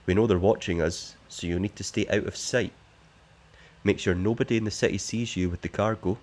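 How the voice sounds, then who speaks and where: A man's voice: on the low side, steady tone, lightly acted. Man reading out a shady smuggler boss. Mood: shady offer. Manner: plain, unhurried reading of game text. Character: shady smuggler gang boss giving a secret job.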